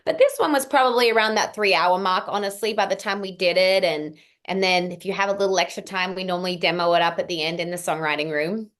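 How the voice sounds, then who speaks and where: A young female singer-songwriter, guesting on a casual interview, talks fast with few pauses in a voice on the low side with a fairly bright tone. Her accent mixes Australian and American, and she chats at length in long run-on answers full of ums.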